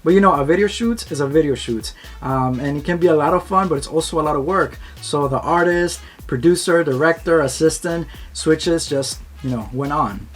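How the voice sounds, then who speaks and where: An easygoing man talks in a chatty, cheerful way, his voice a little higher than most. Soft music plays faintly behind him. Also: normal speed, few pauses. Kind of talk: casual chat.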